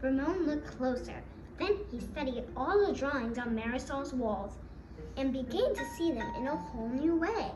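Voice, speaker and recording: A woman hosting and reading a children's picture book aloud in a slow, deliberate way. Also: high voice, expressive. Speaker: podcast host. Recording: roomy echo, music behind. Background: music.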